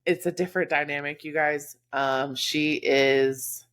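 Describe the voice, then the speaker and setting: A woman with a Texas accent and a very low, deep voice talks in an easy podcast chat. She speaks candidly and from the heart, with plenty of "um" and "you know" as she thinks aloud. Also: fairly even intonation, a little slow, fairly bright tone, clean tone. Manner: candid, heartfelt, lots of fillers. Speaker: podcast co-host. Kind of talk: casual chat.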